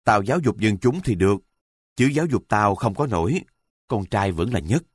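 A man's voice: on the low side, lively intonation, moderate pace, breathy edge, no echo, clean studio sound. A man voicing a stubborn, boastful hard-drinking husband who talks bluntly and crudely.

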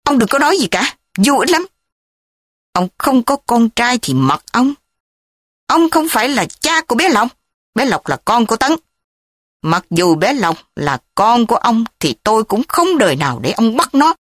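Woman voicing a young wife, shrill and angry. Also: animated, moderate pace, long pauses, fairly bright tone, dry recording. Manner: raised, shrill pleading.

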